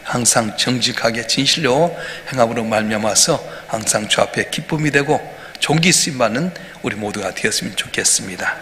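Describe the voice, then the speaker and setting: A male pastor preaches an emphatic dawn sermon in a bright, forceful voice. He keeps asking his listeners questions as he talks. The sound has a long church-hall reverb over faint room ambience. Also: medium pitch, a little fast, few pauses, a little hiss or hum. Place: church sanctuary.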